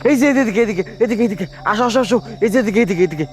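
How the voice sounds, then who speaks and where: A man's voice: sits high, very fast, a crowd in the background. A man leading a staged ghost search outdoors at night, frantic and repeating his calls over and over. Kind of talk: staged horror search in the dark. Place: outdoors near fields and trees. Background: music.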